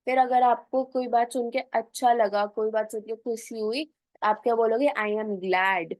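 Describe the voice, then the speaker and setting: A woman with a slightly high voice teaches a spoken English lesson, recorded close and dry with no room sound. She explains in casual Hindi and pronounces each English example phrase slowly and deliberately. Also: level tone, mellow, no echo.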